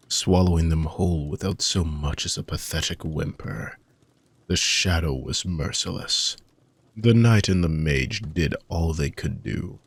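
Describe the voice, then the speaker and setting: In full character voice, rumbling low, gravelly and husky, a man portrays an age-old, weary villainous mage. He speaks slowly and intimately in soft, measured, formal phrases, a dramatic monologue for sleep-aid fantasy audio roleplay.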